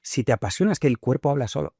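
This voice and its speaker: A man with a Spain Spanish accent speaks as a podcast guest, confident and emphatic. His voice has a mid pitch. The recording is dry and close, with no room echo. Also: sing-song, very fast, warm tone, husky. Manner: confident, emphatic, advice-giving. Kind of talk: conversational interview.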